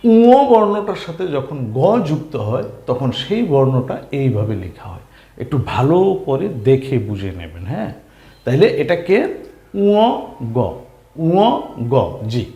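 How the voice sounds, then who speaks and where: A man's voice: medium pitch, very animated, normal speed, dark tone. A man teaching beginners to read, patiently spelling out letters and syllables, repeating each one and asking questions as he goes. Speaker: Bengali reading teacher. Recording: roomy echo.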